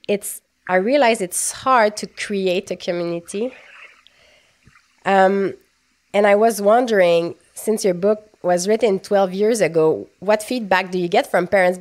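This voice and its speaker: A woman's voice: mid-range voice, darkish tone. A woman with a French Canadian accent, recovering from a cold, hosting a podcast interview and asking earnest, thoughtful questions. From Quebec, Canada. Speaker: podcast host. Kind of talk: conversational interview.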